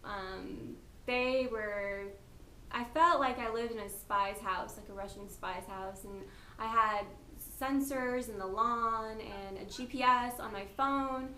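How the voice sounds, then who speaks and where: A woman's voice: fairly high pitch, slow, bright, forceful tone, reverberant, slight background noise. A woman in her twenties answering casting interview questions in a chatty, giggly, slightly nervous way. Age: 20s. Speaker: reality show applicant.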